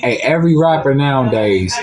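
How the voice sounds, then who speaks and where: A man's voice: medium pitch, expressive, brisk, crowd noise. A middle-aged man, talking casually to viewers on a livestream in loose, rambling street slang. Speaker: livestream host.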